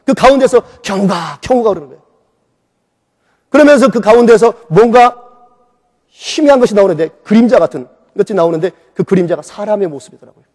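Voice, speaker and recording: High-voiced pastor preaching in a reverberant hall. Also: male voice, a little fast, long pauses. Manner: animated storytelling, acting out his own shouts and quoted voices. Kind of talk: sermon with personal testimony. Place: church sanctuary. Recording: long reverb of a church hall.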